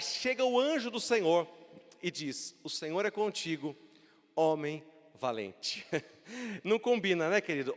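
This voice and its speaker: Middle-aged Brazilian pastor preaching conversationally, raised pitch, long church reverb. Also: male voice, a bit bright. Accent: Brazilian Portuguese. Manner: conversational preaching, frequent tag questions to listeners. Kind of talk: sermon.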